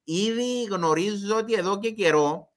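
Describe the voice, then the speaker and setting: A man with a Cypriot Greek accent giving explanatory commentary as an expert guest in an interview. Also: high-pitched.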